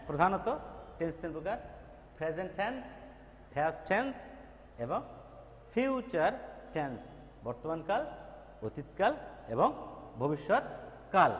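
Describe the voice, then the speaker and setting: A man teaching a recorded grammar lesson, patiently repeating terms and drilling their pronunciation. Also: sits high. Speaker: English teacher. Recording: echoey reverberant room.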